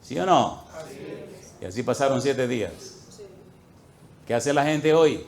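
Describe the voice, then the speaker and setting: A man preaching a sermon to a congregation, telling a story with acted-out dialogue and swinging between loud outbursts and quiet asides. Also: medium pitch, lively intonation, a little slow. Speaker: pastor. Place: church, before a congregation.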